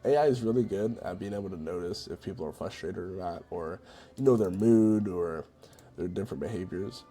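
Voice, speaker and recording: A man guides viewers casually through a screen-recorded software tutorial, chatty and informal, frequently adding "right?" or "you know." His low, mellow voice is slightly rough and fairly quick, with faint music behind it.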